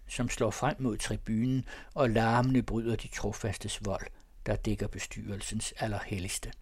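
A man reading a literary text aloud in a measured, descriptive narration. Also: lowish voice, a little mellow, no echo.

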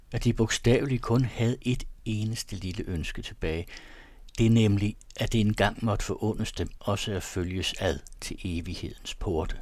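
A man narrating a literary story in a measured, ornate audiobook reading. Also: on the low side, darkish tone, no room sound.

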